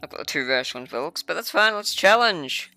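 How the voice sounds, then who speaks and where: A woman's voice: low voice, animated, racing, creaky, sharp tone, no echo, soft background music. A woman streamer chatting casually during a game stream, rambling, offhand and profane. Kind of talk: casual gaming stream chat.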